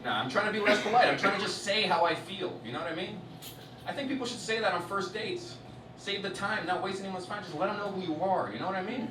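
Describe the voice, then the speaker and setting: A man doing a stand-up comedy set on a festival stage. He swears a lot and swings between loud outbursts and low muttered asides. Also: fast talker, background noise. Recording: roomy hall, distant mic, loud audience.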